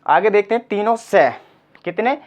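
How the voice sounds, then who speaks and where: A man's voice: high voice, normal speed. A man teaching a grammar lesson for exam prep, repeating each point and asking rhetorical questions before he answers them. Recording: slightly dull lo-fi sound.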